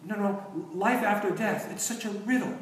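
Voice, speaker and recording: A man's voice: sits high, normal speed, voice pushed up, lightly acted. A man voicing an earnest nineteenth-century lady who pleads about her lost faith, recorded from afar in an echoey room. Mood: pleading. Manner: pleading, insistent. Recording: echoey room, distant mic, faint noise.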